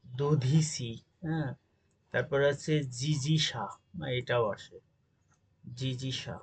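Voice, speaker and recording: A man's voice: medium pitch, vocal fry, a little hiss or hum, poor audio. A man teaching an exam-prep grammar lesson, reading out word lists and often checking in with his listeners. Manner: reads word lists, checks in with "ঠিক আছে?".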